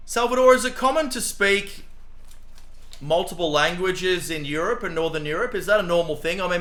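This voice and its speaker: A man's voice: a little high, a bit bright, reverberant. A man hosting a podcast interview, chatty and enthusiastic, with many fillers. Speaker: podcast host. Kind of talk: casual interview.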